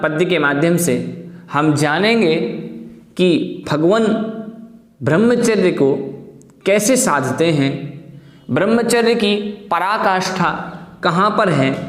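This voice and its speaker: A man from India leads a slow, patient scripture lesson, drawing out each word and repeating syllables for his students to copy. His voice sits a little high for a man. The recording is roomy, with a long reverb trailing after his words. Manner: patient, repeats words slowly for pronunciation drill. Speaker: religious teacher. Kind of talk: slow devotional lesson with chanted verses.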